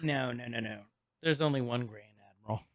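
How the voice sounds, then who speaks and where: A man with a mid-range voice talks a little fast, recorded clean in a studio with no echo. He's co-hosting a podcast, casually recapping an episode, rambling along, laughing often and tripping over names.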